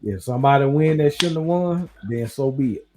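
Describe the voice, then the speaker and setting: A man hosting a casual podcast chat, rambling and thinking out loud as he talks. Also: medium pitch, moderate pace, soft background music. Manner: relaxed, rambling, talks through his uncertainty. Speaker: podcast host.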